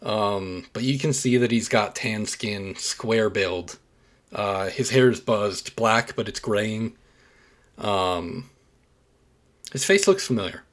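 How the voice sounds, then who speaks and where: A man narrating as game master, with frequent hesitant pauses and fillers. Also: fairly low pitch.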